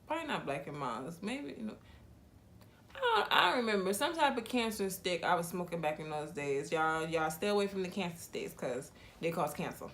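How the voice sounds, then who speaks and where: Slangy, animated woman telling a story. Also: fairly low pitch, a little fast. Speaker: hairstylist. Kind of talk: storytime vlog.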